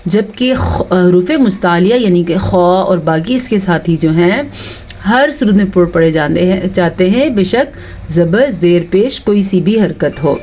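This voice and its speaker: A woman teaching Quran recitation with tajweed rules, patiently explaining and then reciting words slowly and drawn out, often checking with the listener. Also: fairly low pitch, lively intonation, a little mellow. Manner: asks the listener rhetorical check questions.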